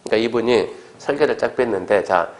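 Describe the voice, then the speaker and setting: A man's voice: fairly low pitch, fairly quick. Korean man giving a casual exam lecture. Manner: conversational, acts out quoted exchanges.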